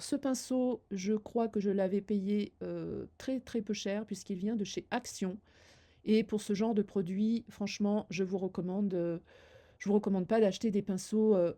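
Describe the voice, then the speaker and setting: Her voice mid-range and dark in tone, an older woman runs a makeup tutorial, showing each step while she speaks. The beauty vlogger's tips are cordial and hesitant, with many fillers.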